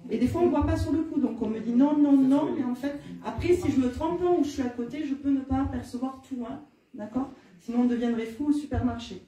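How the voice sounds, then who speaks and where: Female medium, southern French accent, very soft mellow tone, informal live address, roomy distant recording. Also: sits high, brisk. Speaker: spirit medium. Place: indoor hall at a live-streamed event. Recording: echoey room, distant mic.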